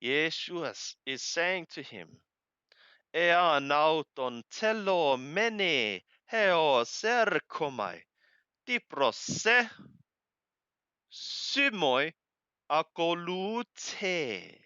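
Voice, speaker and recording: A Bible reader and translator renders scripture in brief, literal phrases, his pace extremely slow and emphatic and his pitch swinging very lively. His tone is clear and resonant, his phrasing halting and deliberate; the recording lacks echo but sounds muffled.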